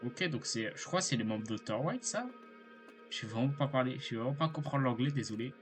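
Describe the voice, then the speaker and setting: A man's voice: medium pitch, lively intonation, a little fast, soft background music. A man giving casual let's play commentary, hesitant and rambling with lots of fillers and apologies. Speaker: gaming YouTuber.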